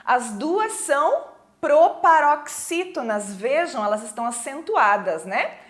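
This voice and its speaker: A woman's voice: sits high, big pitch swings, fairly bright tone. A Brazilian woman teaching a recorded school lesson, explaining patiently, checking in with the class and reading poems aloud. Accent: Brazilian Portuguese. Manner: reads poems aloud slowly.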